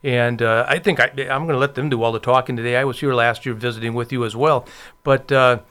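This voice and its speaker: A man speaks as a guest in a casual interview, chatty and full of "uh" pauses. His voice sounds clear and resonant. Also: mid-range voice, steady tone, a bit bright. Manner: chatty, many filler pauses. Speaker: festival committee member, guest.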